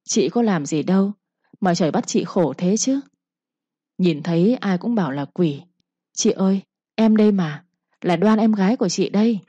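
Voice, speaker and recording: A woman's voice: medium pitch, expressive, moderate pace, warm tone, slightly rough, dry recording, highs cut off. A woman voicing a scheming younger second wife who speaks with a falsely sweet, coaxing tone, in a storybook reading.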